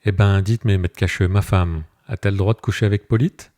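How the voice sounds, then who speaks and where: A man voicing a timid old peasant shepherd who speaks in a halting, repetitive rustic way. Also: low-pitched, steady tone, darkish tone, natural voice.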